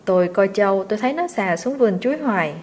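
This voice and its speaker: A woman's voice: mid-range voice, animated, quick pace, darkish tone, slight background noise, natural voice. A woman voicing a poor servant boy in a storybook reading, earnest and pleading. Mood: eager.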